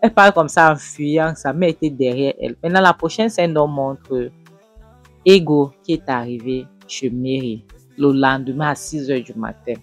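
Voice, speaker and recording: A man retelling a film's plot in an animated storytelling manner. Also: mid-range voice, moderate pace, soft background music. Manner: lively, repetitive, acts out dialogue. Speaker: film recapper.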